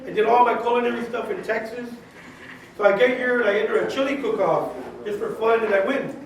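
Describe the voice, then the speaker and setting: Gravelly high-voiced man in an echoey room. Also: fairly quick. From California, USA. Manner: chatty and direct, full of "you know" and retold quotes. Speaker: guest speaker, chef and caterer. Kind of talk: casual talk to a class of students. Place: high school classroom. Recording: very echoey classroom, mic far off, faint hiss.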